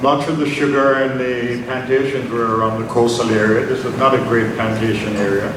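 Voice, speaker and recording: A man's voice: medium pitch, fairly even intonation. Older man lecturing in an echoey hall. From Jamaica. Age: 70s. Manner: unhurried, personal, with frequent ums and uhs. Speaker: invited lecturer. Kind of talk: academic lecture with slides. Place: large conference hall. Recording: very echoey hall, distant mic, noisy.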